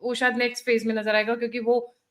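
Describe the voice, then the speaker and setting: A woman's voice: on the high side, level tone, quick pace. A woman hosting a political discussion, speaking hesitantly with fillers while she thinks aloud. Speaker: host.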